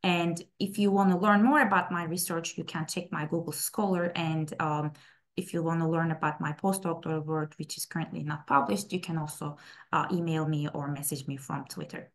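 A woman in her thirties, a native Turkish speaker who grew up in Turkey, presents her research in a webinar. She speaks in a fairly low voice, pausing often with fillers and starting sentences over. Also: fairly even intonation. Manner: halting, many fillers and restarts. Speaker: plant scientist speaking at a webinar. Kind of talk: presentation talk over slides.

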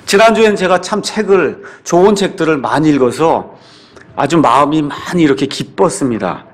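A man preaching a sermon as pastor, emphatic and repetitive, with rhetorical questions to his congregation. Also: a little high. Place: church sanctuary.

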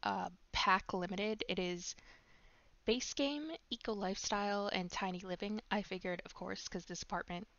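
A young woman with a stuffy nose giving relaxed, chatty voice-over commentary on her game build, full of ums and likes. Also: medium pitch, moderate pace, no room sound. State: stuffed up with a cold. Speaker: gaming YouTuber. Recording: slightly dull lo-fi mic.

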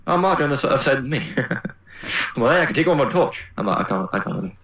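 Welsh gamer guy, excitable and joking, bouncy pitch, roomy sound. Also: fast. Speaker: gamer co-host. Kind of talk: let's play chat. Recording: roomy echo.

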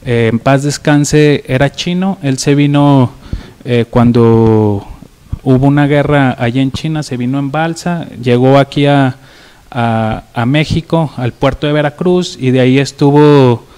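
Mid-pitched Mexican man, earnest interview guest. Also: a little slow, a little mellow, clear, resonant tone. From Zacatecas, Mexico. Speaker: interview guest, local politician. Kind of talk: conversational interview answers. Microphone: handheld microphone.

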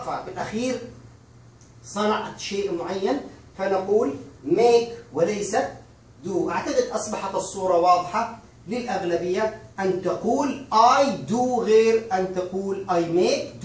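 A man teaching a lesson, explaining patiently and repeating examples, slowing down on the English phrases. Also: high voice. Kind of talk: online language lesson. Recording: very echoey room, far from mic.

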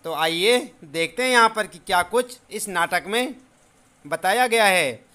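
High, bright-voiced male teacher. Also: animated, unhurried, smooth. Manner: asks the class questions and answers them. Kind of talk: lesson explanation to children.

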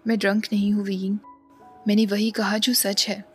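A woman's voice: mid-range voice, little pitch movement, normal speed, breathy edge, faint music behind. A woman voicing a brooding, bossy young man who keeps pressing and coaxing in a storybook reading.

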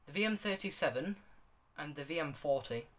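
Higher-voiced young man, rambling casually. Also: lively intonation, fairly quick, a bit bright. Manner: rambling, self-correcting, hands-on demonstrating. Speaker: hobbyist video reviewer. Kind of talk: casual unscripted product review.

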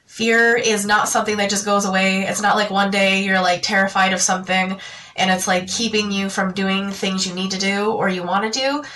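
A young woman talking to camera in a personal vlog, halting and full of fillers and restarts, jittery and tearful. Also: mid-range voice, fairly even intonation, bright, forceful tone, recorded from a distance, a little hiss or hum, low-quality recording. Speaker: vlogger.

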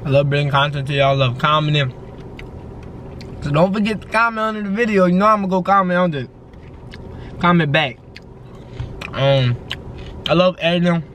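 A young man chats to his viewers while chewing a mouthful of food, his words loose and slangy with plenty of "um"s. He sits in a car, and a steady air-conditioning hum runs clearly under his voice. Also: fairly high pitch, moderate pace, pauses often. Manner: loose slang-heavy talk to viewers, fillers. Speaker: YouTuber. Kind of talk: casual mukbang vlog chat. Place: parked car. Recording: noisy car interior with AC hum.

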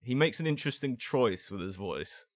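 A man co-hosting a podcast, chatting casually about a film, rambling and dropping his voice low on asides. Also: lively intonation, moderate pace, no room sound, studio quality. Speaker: podcast co-host.

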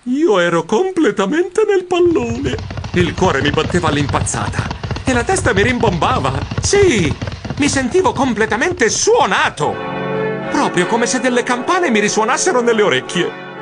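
A man narrating an audiobook as a nervous, romantic male mouse, with expressive exclamations that swoop up high. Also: normal speed, music in the background, full character voice.

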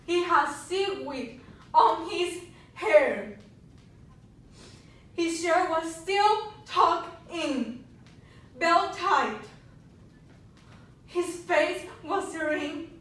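A woman acting a stage monologue as a grieving young woman who confronts her mother, speaking slowly and quietly. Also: extremely high pitch, lively intonation, full character voice. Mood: grieving, haunted. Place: acting class room. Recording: roomy distant room mic.

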